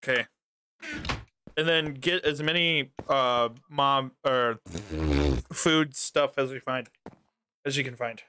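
A man's voice: mid-range voice, takes it slowly, long pauses, pushed and bright, clear, resonant tone. A young man hosting a gaming video, chatting casually, swearing often and rambling when he gets exasperated. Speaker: gaming channel host. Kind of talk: casual gameplay chat.

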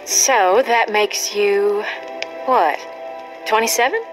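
A woman playing a calm, kindly adult survivor in a video game, speaking gently and conversationally. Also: medium pitch, slow pace, natural voice, poor audio. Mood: friendly. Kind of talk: naturalistic video game acting. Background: background music.

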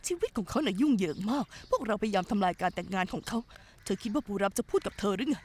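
A woman dubbing a fretful scheming woman, breathy and fast. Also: medium pitch, animated, darkish tone, lightly acted. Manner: fretful, bickering. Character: anxious scheming woman in trouble. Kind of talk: Thai dub of a TV drama.

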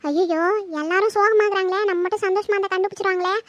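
Gleeful schemer mother muttering asides, done by a woman, very high and bright. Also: steady tone, fast talker. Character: scheming mother gloating over her secret plan.

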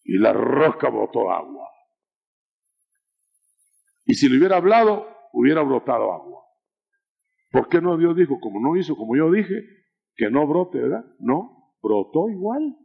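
A male preacher with a gravelly, somewhat high voice delivers a sermon with dramatic swings. His pitch climbs and drops all the time. The sound is a dull, lo-fi old tape. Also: very animated, unhurried, pauses often. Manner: dramatic, rising to shouts and falling to murmurs.

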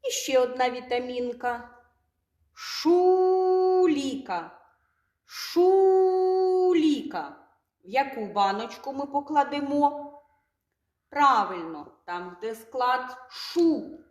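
A woman teaching a preschool literacy lesson, speaking slowly and in a sing-song way, drawing out words for small children. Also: on the high side, echoey room. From Ukraine. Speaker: kindergarten teacher.

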